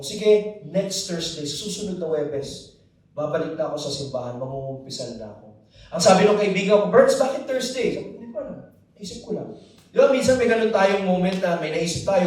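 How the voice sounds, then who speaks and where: A fairly high-voiced man with a Filipino accent tells his faith story to a crowd in a big hall, animated and easily mixing Tagalog with English. He keeps asking the crowd to answer back. His voice booms around the very echoey room, picked up from a distant mic. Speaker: faith talk speaker. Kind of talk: personal testimony to a live audience. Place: large hall with a live audience.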